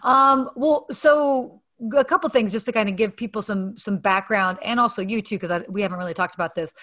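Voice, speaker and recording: A woman's voice: mid-range voice, brisk, fairly bright tone. A young woman hosting a casual interview, talking in a friendly, conversational way with plenty of fillers. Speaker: interview host.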